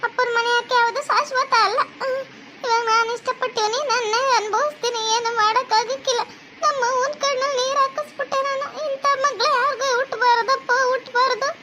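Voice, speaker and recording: A woman's voice: extremely high pitch, fairly even intonation, a little fast, bright, forceful tone, soft background music, low-quality recording. A woman voicing a tearful young newlywed village bride in a cartoon, with a North Karnataka accent and a weepy, pleading way of talking. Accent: North Karnataka Kannada.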